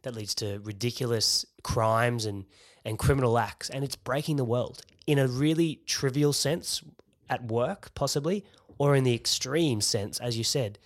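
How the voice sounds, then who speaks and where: A man co-hosting a faith podcast, speaking with emphatic, animated bursts. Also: medium pitch, moderate pace, no echo. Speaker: podcast co-host.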